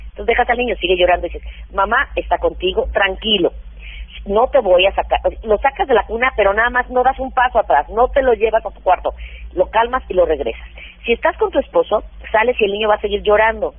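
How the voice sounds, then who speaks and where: Lady parenting expert on the phone, high voice, super practical, tinny line. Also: fast, no room sound. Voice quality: practical, animated, acts out what mothers say. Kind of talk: radio interview advice.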